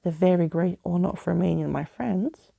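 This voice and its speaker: A gallant, talkative old skeleton from a storybook, acted out by a woman reader. The wording is florid and old-fashioned, delivered in a very creaky, husky voice with a dark, relaxed softness. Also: lowish voice, normal speed, dry recording, full character voice. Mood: earnest, grand. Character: chatty, gallant old skeleton adventurer with key fingers.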